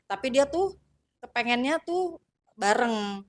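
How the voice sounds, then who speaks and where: Woman telling a flight story, halting. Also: fairly high pitch, animated, no room sound. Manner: halting, many fillers and restarts. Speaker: former flight attendant guest. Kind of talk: casual storytelling.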